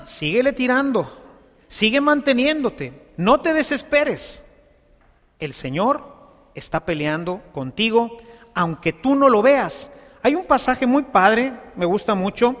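High-voiced preacher in a reverberant hall. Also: male voice, a bit bright. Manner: conversational, asks the congregation for agreement. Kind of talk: sermon. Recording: long reverb of a large hall.

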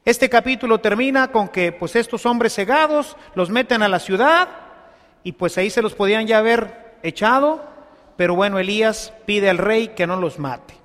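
Male preacher, high voice, chatty sermon, big hall reverb. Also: lively intonation, normal speed, fairly bright tone. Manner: conversational, asks the congregation for agreement. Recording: long reverb of a large hall.

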